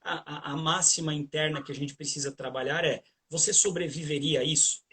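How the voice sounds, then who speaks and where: A man's voice: fairly high pitch, steady tone, brisk, sharp tone, slightly rough. A Brazilian man, a guest trainer on a livestream video call, giving conversational advice with hesitant restarts and repeated fillers.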